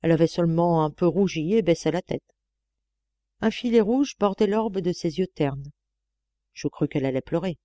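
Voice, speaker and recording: Woman, audiobook narrator, mellow tone, measured expressive reading, dry close sound. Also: fairly low pitch, dry recording. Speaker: audiobook reader.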